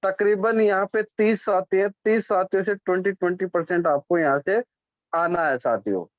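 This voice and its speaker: In this explanatory presentation, a high-voiced man lays out a business plan at a normal speed. He keeps saying "ठीक है?" to make sure listeners follow and frequently corrects himself. The sound is dry, dull and lo-fi.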